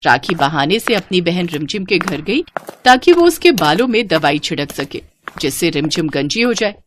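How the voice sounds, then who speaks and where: A woman's voice: lowish voice, sing-song, moderate pace, a little hiss or hum. Woman narrating a cartoon story.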